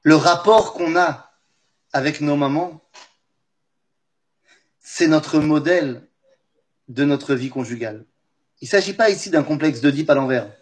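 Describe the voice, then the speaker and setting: A man teaching a religious class, telling a story in an animated way and speaking straight to his listeners. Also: on the high side, a little slow, long pauses. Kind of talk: lively storytelling lesson.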